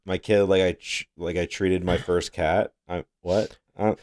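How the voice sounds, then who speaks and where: A man's voice: low voice, fairly even intonation, a little slow, darkish tone. A young man co-hosting a casual podcast, rambling through his thoughts, swearing a lot and laughing often. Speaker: podcast co-host. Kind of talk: casual chat.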